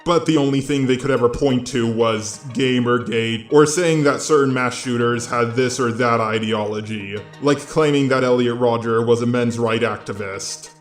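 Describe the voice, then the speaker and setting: A synthetic, robotic male voice reads scripted commentary as host of a video essay channel. It's medium in pitch, moves at a moderate pace with few pauses, and sounds reverberant, with faint music behind it.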